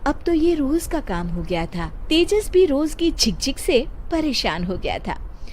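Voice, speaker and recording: A woman's voice: high voice, sing-song, unhurried, a little mellow, soft background music. A woman narrating a scripted moral story as a storyteller.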